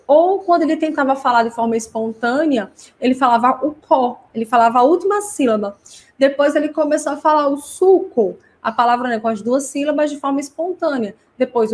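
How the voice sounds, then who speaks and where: Brazilian lady giving a live class for parents, a bit high voice, chatty, keeps checking in with the listener. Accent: Brazilian Portuguese. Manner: conversational, explains with many examples, frequent tag questions. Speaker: host and parent educator.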